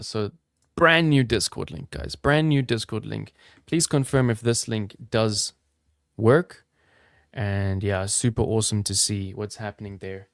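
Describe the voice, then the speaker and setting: An upbeat, chatty man from South Africa, his South African accent softened toward American, hosting a live trading stream and talking straight to his viewers. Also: lowish voice, no echo, studio quality. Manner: upbeat, chatty, addresses chat viewers directly. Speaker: crypto trading livestream host. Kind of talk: casual live-stream commentary.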